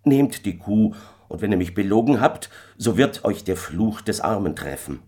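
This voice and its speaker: A man's voice: on the low side, very animated, moderate pace, dark tone, breathy edge, voice pushed up. A man voicing a hesitant, pious poor farmer in a fairy tale, talking in a pleading way. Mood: uneasy.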